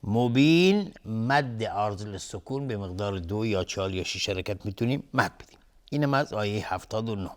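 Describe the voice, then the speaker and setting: A man with a Persian accent teaching Quran recitation rules, explaining calmly and then chanting verses slowly. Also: on the low side.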